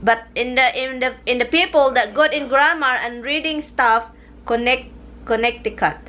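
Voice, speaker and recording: Filipina vlogger, slightly high voice, giggly and exclamatory, phone-recorded in a car. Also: female voice, moderate pace, pushed and bright. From Philippines. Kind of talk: casual chat mixing Tagalog and English.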